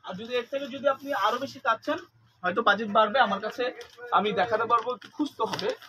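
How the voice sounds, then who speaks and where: A man from Bangladesh, chatting through a live sales pitch for sarees, repeating details and slipping English words into his talk. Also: fast talker, bright, forceful tone, a little hiss or hum, poor audio. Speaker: saree seller on a live stream.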